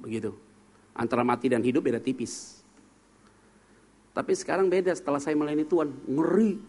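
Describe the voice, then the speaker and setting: A man's voice: on the high side, brisk, a little mellow. A man preaching as a pastor in a church service, telling frank, humorous stories and quizzing the congregation. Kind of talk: sermon.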